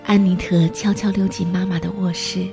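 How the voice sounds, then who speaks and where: A woman reads a storybook aloud in a mellow, warm voice, gentle and even-paced throughout. Faint music plays softly underneath her narration. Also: lowish voice, moderate pace, creaky. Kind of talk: storybook reading.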